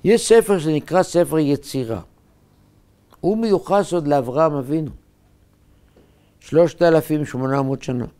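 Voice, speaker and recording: A man, a rabbi, preaching a sermon in short, emphatic, measured phrases. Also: a little high, dark tone.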